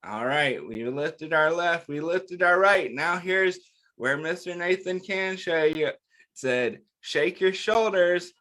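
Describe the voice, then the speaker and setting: Hosting an interactive picture-book read-aloud for young children, a man with a fairly high, sharp-toned voice takes a very unhurried pace. He reads in simple phrases and speaks directly to the kids, encouragingly asking questions and answering them.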